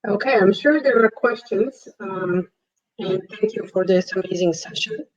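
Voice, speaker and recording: A woman moderating a conference Q&A, politely and with halting fillers, heard over a video call connection that keeps breaking up. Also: mid-range voice, animated, muffled recording. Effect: breaking-up video call audio. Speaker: livestream moderator.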